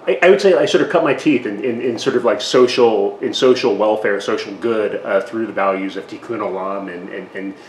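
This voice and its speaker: A man's voice: on the low side, fairly quick, few pauses. A middle-aged man from Taiwan, a guest in an interview, talking in a self-deprecating way with many restarts. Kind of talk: casual interview. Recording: echoey room with faint noise.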